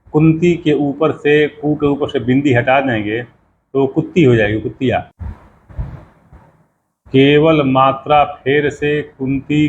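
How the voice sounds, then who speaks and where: A man, a pandit, explaining how mantras should be pronounced, slowly spelling out sounds and repeating words. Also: mid-range voice, darkish tone. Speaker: pandit teaching mantra pronunciation. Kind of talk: explanatory teaching talk. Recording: slightly dull lo-fi sound with faint background noise.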